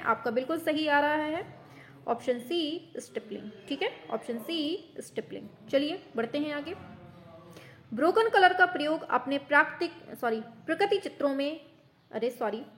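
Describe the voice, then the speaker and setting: A woman teacher running a quick quiz lesson, brisk and teasing, scolding her students in mock anger as if they were children. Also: high voice, expressive, a bit bright. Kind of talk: online exam-prep quiz lesson.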